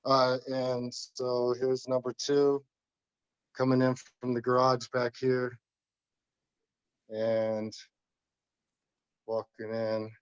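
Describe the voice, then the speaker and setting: A man with a slightly hoarse voice, talking casually and haltingly as a tile installer walking someone through his work. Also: mid-range voice, monotone, dull audio. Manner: hesitant, halting. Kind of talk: casual informal walkthrough talk.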